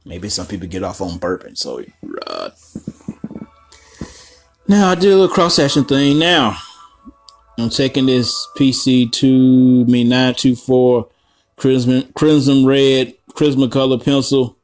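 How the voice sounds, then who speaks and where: A man's voice: mid-range voice, expressive, unhurried, darkish tone, soft background music. Rambling, foul-mouthed man teaching coloring. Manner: rambling, profane, joking asides. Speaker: art tutorial host. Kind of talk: casual drawing tutorial.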